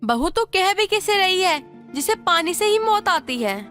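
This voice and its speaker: A sharp-tongued older mother-in-law in an animated family story. She scolds in a sarcastic manner, with a high, bright and pointed voice. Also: a little slow, soft background music, exaggerated voice. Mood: scolding.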